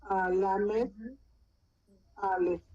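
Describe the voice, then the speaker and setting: A woman's voice: mid-range voice, level tone, extremely slow, a little mellow, muffled recording. A woman taking part in an online class, asking questions hesitantly and searching for her words with many fillers. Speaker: student. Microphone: video call.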